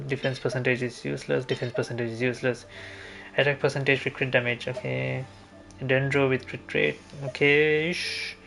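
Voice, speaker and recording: A man streams a game and talks casually to himself, mumbling with a bit of mild cursing over background music. His voice is medium in pitch, creaky and a little bright.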